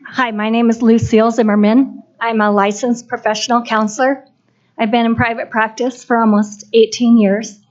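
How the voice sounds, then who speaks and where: A woman's voice: fairly high pitch, little pitch movement, normal speed, a little mellow. An older woman giving an impassioned, pleading public comment at a school board meeting. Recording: dull lo-fi livestream audio.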